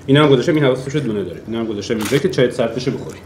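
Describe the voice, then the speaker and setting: Very low-voiced woman coaxing a child. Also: a little mellow, slight background noise. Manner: coaxing, encouraging instructions to a child. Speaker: parent filming a child. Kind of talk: casual home vlog. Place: outdoors by a kebab grill. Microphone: phone camera.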